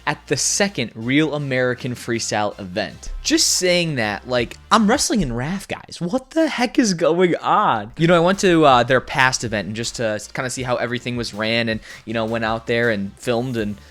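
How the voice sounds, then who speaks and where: Excitable young man vlogging. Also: medium pitch, moderate pace, few pauses, faint music behind. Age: 20s. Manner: excited, rambling, heavy on "like" and "you know" fillers. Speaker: vlogger and wrestler. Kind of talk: casual to-camera vlog.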